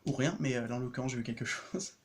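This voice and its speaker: A man of average pitch explains his homemade rune deck in a relaxed vlog. He hesitates often, restarts his sentences and fills pauses with little chuckles. He talks as an energy practitioner sharing with his viewers.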